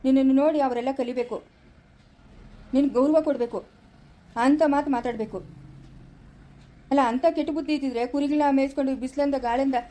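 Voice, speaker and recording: A woman's voice: sits high, fairly even intonation, fairly quick, long pauses, dark tone, close to an everyday voice. A woman playing a kind, patient village man of forty-five who soothes and reasons with others in a family drama. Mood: reasoning. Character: kind 45-year-old village man, calm peacemaker.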